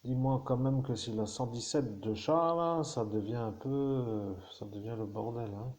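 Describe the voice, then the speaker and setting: A man's voice: medium pitch, a little slow, a little mellow, highs cut off. Rambling man muttering over crime news. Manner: rambling, hesitant, half-muttered asides. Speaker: vlogger reading tabloid crime news. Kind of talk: rambling casual commentary.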